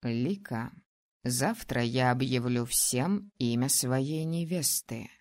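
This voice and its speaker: A woman voicing a young male ruler in an audiobook, teasing and domineering, speaking low, slow and calm. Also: exaggerated voice. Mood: gentle. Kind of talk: audiobook character voice.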